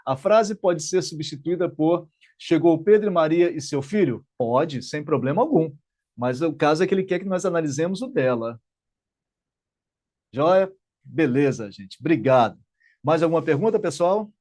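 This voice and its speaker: A man's voice: on the high side, animated, moderate pace, darkish tone. A man teaching an online exam-prep grammar class in Brazilian Portuguese, chatty and answering live student questions.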